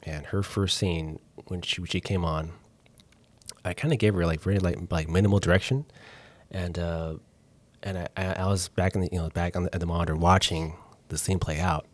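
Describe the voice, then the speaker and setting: Deep-voiced enthusiastic man director. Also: fairly even intonation, brisk, dry recording. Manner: enthusiastic, rambling with restarts. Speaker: film director guest. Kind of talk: casual podcast interview.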